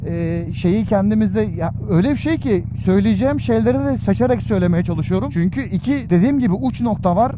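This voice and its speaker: A fast-talking, high-pitched man vlogs from inside a motorcycle helmet. He speaks in a casual, exasperated way and keeps throwing out rhetorical questions. Road and engine noise is clear behind his voice. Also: animated. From Turkey. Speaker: motorcycle vlogger. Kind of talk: casual opinion monologue while riding.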